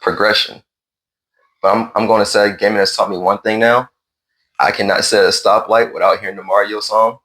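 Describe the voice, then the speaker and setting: A man's voice: lowish voice, fairly even intonation, a little fast, sharp tone. A man hosting a casual gaming conversation, asking questions and teasing his friend in a laid-back way. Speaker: podcast host.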